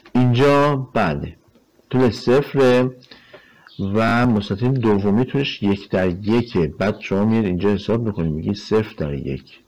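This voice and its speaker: Low-voiced man teaching a math lesson. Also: a little mellow, low-quality recording. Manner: conversational, asks rhetorical questions, frequent fillers; explains step by step while drawing on a board. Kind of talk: recorded online lecture.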